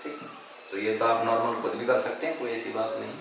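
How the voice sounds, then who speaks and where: A man teaches a board lesson, chanting multiplication tables and asking questions that he answers himself. The room echoes heavily and the mic sits far away. Steady background noise runs under his voice. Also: mid-range voice, a little fast, vocal fry. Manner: asks the class questions and answers them himself; recites multiplication tables aloud. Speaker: math teacher.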